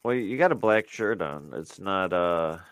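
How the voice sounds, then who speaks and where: A man with a low-sitting voice co-hosts a podcast in loose, casual conversation, stumbling through fillers and restarts. He sounds animated yet unhurried, with no room sound.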